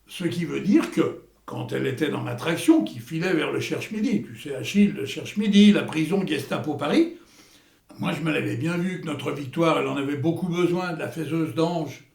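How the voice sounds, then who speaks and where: A man's voice: a little high, animated, normal speed, vocal fry, darkish tone. A man playing a boastful old war veteran in a theatrical comedy, with a hammy stage actor's florid delivery. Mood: exasperated, declamatory. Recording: echoey room.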